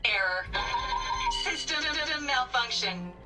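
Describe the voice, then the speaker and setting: A woman's voice: sits high, expressive, slow, distant mic, over music. A woman voicing a cheerful female theme-park robot guide in a video game, with a malfunctioning machine voice and chipper, salesy greetings.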